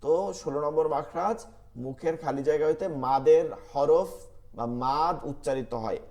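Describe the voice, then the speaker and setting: A man teaching an online Quran class, patiently repeating letter sounds slowly for students to copy. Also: fairly high pitch, mellow, lo-fi sound.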